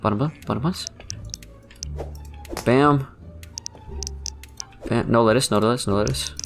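A man's voice: medium pitch, a little slow, gravelly, soft background music. Frantic man narrating his gameplay. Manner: frantic, repeats words under pressure, talks to viewers. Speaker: gaming YouTuber. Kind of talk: let's play commentary.

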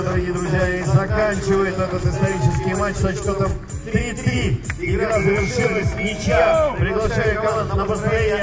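A man announcing as a Russian hockey commentator over a PA, drawing out players' names. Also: high-pitched. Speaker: event announcer, match commentator. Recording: echoey distant PA with loud music. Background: loud music.

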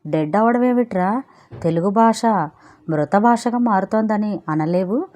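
A woman's voice: mid-range voice, unhurried, a little mellow, pitched above the performer's own voice, lightly acted. Woman voicing a sarcastic young man. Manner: mocking, wary.

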